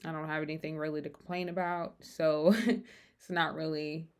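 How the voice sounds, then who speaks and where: A young woman vlogger talking casually and candidly without a script, rambling and halting, her speech slightly impeded by braces. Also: sits low, flat delivery, clean tone. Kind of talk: unscripted casual personal talk.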